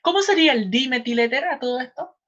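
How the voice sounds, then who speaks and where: A woman with a Chilean accent teaches an online chemistry class. She talks patiently and spells terms out slowly for her students. The audio is a little dull and lo-fi. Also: high voice, animated, a bit bright. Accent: Chilean Spanish. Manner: patient, repeats names slowly, addresses students.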